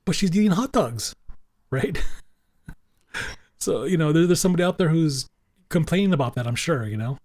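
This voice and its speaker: A man's voice: fairly high pitch, animated, moderate pace, pauses often, darkish tone, no echo. Rambling man co-hosting a podcast. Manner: rambling, fills with "you know", repeats himself. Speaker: podcast co-host. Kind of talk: casual podcast chat.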